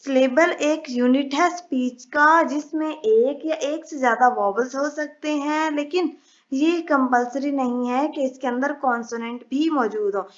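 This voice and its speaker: High-voiced woman teaching a slow lesson. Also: dull audio. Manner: patient, explains step by step, reads English definitions slowly. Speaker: English teacher. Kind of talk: explanatory lesson.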